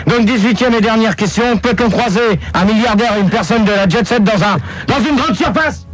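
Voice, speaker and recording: A man hosting a rowdy radio call-in show, talking bossily and gruffly into a mic that clips and distorts. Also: sits high, a little fast, background noise. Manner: bossy, gruff, swearing. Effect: clipping, distorted mic.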